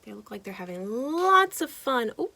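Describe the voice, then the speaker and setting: With a gravelly, fairly high voice and a moderate pace, a storytime host reads a children's picture book aloud in a dry recording. Her animated delivery includes direct asides to young listeners and pointing out details.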